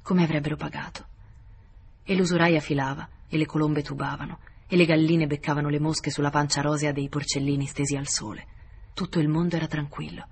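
A man reading a novel aloud in measured scripted narration. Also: on the high side, flat delivery, creaky, husky. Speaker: audiobook reader.

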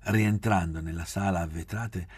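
Deep, very husky male narrator. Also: steady tone, normal speed, darkish tone. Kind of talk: audiobook reading of a novel.

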